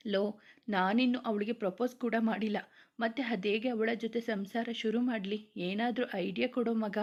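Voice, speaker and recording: A woman reading the lines of a gentle, caring young husband in a storybook tale. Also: a little high, steady tone, moderate pace, highs cut off.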